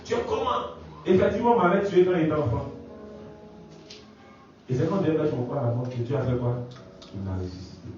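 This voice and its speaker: A man preaching a testimony sermon, telling his story with halting restarts. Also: a little high, darkish tone, faint music behind. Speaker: pastor. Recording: echoey hall, distant muffled mic.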